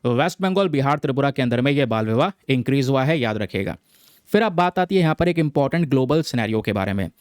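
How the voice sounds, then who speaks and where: A man's voice: mid-range voice, animated, fast talker, darkish tone, no room sound, studio quality. A man teaching exam students, explaining a newspaper article in a chatty way, mixing English terms into his talk and often checking in with viewers. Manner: chatty, addresses viewers as friends, repeats "theek hai"; mixes English terms into Hindi.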